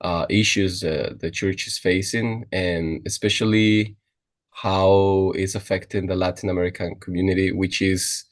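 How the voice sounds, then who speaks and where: Young man, podcast guest, low voice, lots of restarts. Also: measured pace. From Costa Rica. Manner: restarting, filler-heavy, lively. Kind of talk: casual chat.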